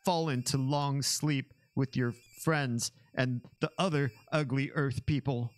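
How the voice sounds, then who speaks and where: Man putting on a slow, grandiose alien villain. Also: medium pitch, fairly even intonation, no room sound, pitched above the performer's own voice, lightly acted. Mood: scornful. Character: pompous evil alien villain, scornful and bargaining. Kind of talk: reading game dialogue aloud in character.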